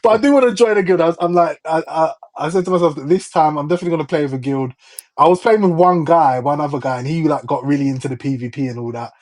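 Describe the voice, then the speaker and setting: Young male podcast host. Easygoing, chuckling delivery, slightly high voice. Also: fast, a little mellow. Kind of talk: casual chat.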